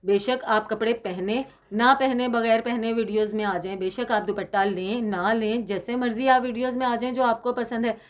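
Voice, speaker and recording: A woman's voice: on the high side, steady tone, normal speed, hardly any pauses. A woman from Pakistan giving an opinionated commentary monologue as a YouTuber, indignant and sarcastic, scolding with emphasis.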